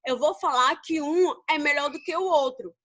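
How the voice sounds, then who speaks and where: Brazilian woman teacher, high-pitched and bright, fond and chatty, asks and answers her own questions. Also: moderate pace. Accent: Brazilian Portuguese. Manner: affectionate, calls students babies. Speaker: English teacher. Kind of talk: recorded grammar lesson.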